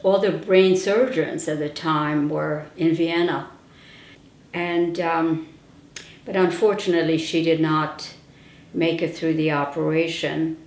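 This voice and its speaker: An older woman, interviewed for an oral history, recalls her childhood like a storyteller, slipping in wry asides. Her voice is low and darkish, her tone level, and she takes her time. The recording carries a roomy indoor echo.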